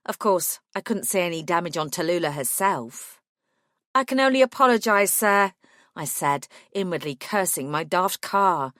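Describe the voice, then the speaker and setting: A woman narrating a first-person audiobook in a wry, measured way on a close studio mic. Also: lowish voice, dry recording.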